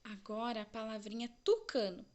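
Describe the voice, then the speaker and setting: A woman's voice: on the high side, normal speed, a little mellow. A woman teaching a recorded lesson to young children with a Brazilian Portuguese accent, stretching out syllables and asking the class questions. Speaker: primary school teacher.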